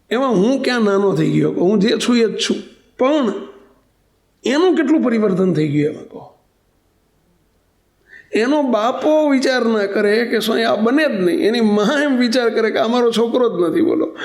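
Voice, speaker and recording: Gravelly high-voiced Gujarati man preaching. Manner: storytelling, asks the audience questions. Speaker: guru giving a religious discourse. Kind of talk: sermon.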